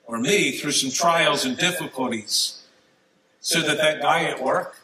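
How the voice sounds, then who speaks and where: A man preaching a sermon in a church, talking to the congregation in a conversational way, with sudden emphatic rises and soft, quiet drops. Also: mid-range voice, a little hiss or hum, poor audio.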